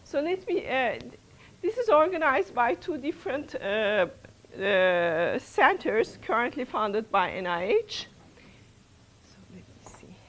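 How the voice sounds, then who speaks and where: Woman, middle-aged, pitched a bit high; lecturer introducing a workshop, hesitant and restarting often. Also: sing-song, takes it slowly, slight background noise, poor audio. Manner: hesitant, many fillers and restarts. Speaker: principal investigator opening a workshop. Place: lecture room.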